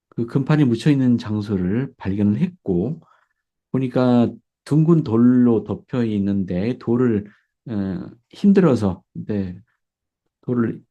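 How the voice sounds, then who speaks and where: A man giving a casual spoken lesson on church history. His sibilants slur slightly because of braces, he fills pauses with short yeses, and he chuckles often. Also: medium pitch, mellow, lo-fi sound.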